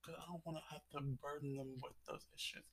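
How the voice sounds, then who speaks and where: A man's voice: fairly high pitch, fairly even intonation, brisk, fairly bright tone, husky. A twenty-year-old man talking in a confessional vlog, rambling with lots of "like" fillers and sighs. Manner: rambling, full of "like" fillers, sighing. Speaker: vlogger.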